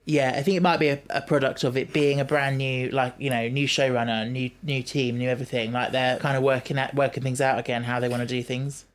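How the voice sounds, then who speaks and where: Measured, reasoning male podcaster. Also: medium pitch, little pitch movement. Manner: measured, reasons things out with fillers. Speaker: podcast co-host. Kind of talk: casual chat.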